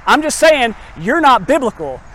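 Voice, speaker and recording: A woman's voice: high voice, very animated, moderate pace, a bit bright, voice pushed up, exaggerated voice, rough recording. A man voicing a mean old-time woman neighbor in a retold anecdote. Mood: snippy.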